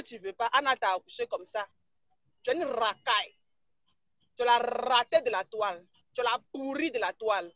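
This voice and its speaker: A woman's voice: fairly high pitch, fairly bright tone, no echo, lo-fi sound. A woman blogger, ranting mockingly and insulting someone during a live stream. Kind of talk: live-stream gossip rant.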